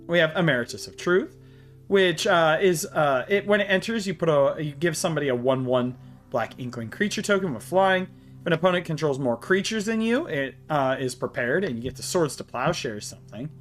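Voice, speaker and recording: A man hosting a card game channel, walking through a deck and reading card text aloud in a halting way, short of breath. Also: a little high, animated, soft background music. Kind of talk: deck tech walkthrough.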